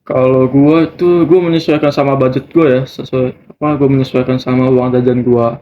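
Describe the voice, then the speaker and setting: A nineteen-year-old male student is interviewed in a group discussion, answering casually and with slang. His voice sits at medium pitch, with a flat delivery and a moderate pace. The recording is lo-fi, muffled and noisy.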